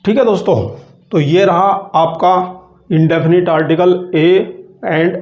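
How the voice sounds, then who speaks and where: A male teacher giving a grammar lesson, who explains patiently, repeats himself slowly and keeps addressing viewers as friends. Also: fairly high pitch, fairly even intonation, a little mellow. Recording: echoey room, dull lo-fi sound.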